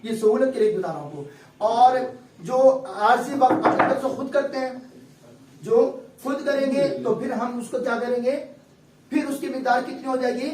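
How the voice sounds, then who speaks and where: A man's voice: extremely high pitch, a little mellow. Male teacher in an echoey room. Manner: patient, explains step by step and often checks understanding. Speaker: Quran recitation teacher. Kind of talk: classroom lecture on Quran recitation rules. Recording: echoey room, distant mic, faint background hum.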